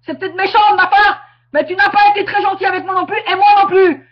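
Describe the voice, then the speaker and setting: A woman with a very high voice addresses her webcam in an angry, confrontational rant. She circles back over the same words and bursts into shouting. The webcam audio sounds muffled. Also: steady tone, fast talker. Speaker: webcam vlogger. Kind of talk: angry direct-to-camera rant.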